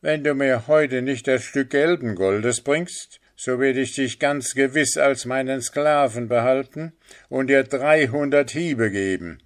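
A man voicing a cruel male sorcerer who gives loud, harsh orders. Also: medium pitch, a little slow, pitched above the performer's own voice, natural voice. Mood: threatening. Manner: loud, commanding.

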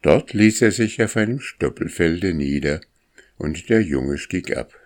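Deep-voiced, slow male narrator. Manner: calm, unhurried storytelling. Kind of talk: audiobook narration.

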